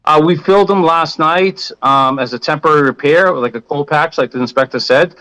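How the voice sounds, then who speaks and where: A man's voice: fairly high pitch, a little fast, bright, forceful tone, clean tone, dry recording, low-quality recording. A man with a Boston accent, a contractor giving informal, plain-spoken testimony at a hearing.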